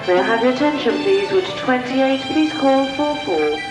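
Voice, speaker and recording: A woman making a crisp, businesslike page over a loudspeaker intercom. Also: high-pitched, expressive, moderate pace. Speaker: public address announcer. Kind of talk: formal public announcement. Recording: echoey loudspeaker with music behind.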